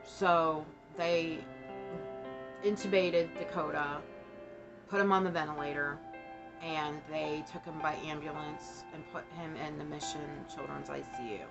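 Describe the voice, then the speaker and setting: Low-voiced, slow, breathless woman vlogger. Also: fairly even intonation, vocal fry, over music, poor audio. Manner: halting, broken phrasing with pauses. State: short of breath. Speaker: vlogger giving a personal family update. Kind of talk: casual, personal monologue to camera.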